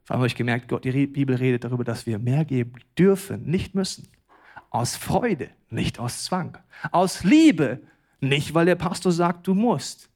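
Animated man preaching a sermon. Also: medium pitch, normal speed. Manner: animated, swings from quiet to loud and emphatic. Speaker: pastor.

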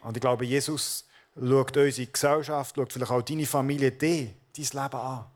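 Pastor, male, mid-pitched voice; earnest sermon aimed straight at the congregation. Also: steady tone, moderate pace. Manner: earnest, addresses listeners directly as du.

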